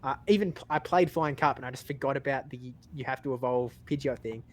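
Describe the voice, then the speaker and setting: Man, mid-pitched, casual podcast chat, rambling, halting, repeats words. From lives in Australia. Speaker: podcast panelist.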